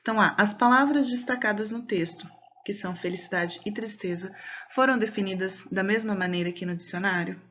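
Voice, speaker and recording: A woman's voice: mid-range voice, brisk, fairly bright tone, muffled recording, a little hiss or hum. A woman with a Brazilian Portuguese accent, teaching a recorded video lesson from home and patiently explaining each step to children. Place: home during quarantine.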